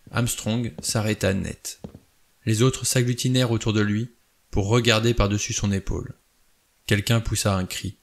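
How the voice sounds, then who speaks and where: Low-voiced man narrating a novel. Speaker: audiobook reader. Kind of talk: novel read aloud.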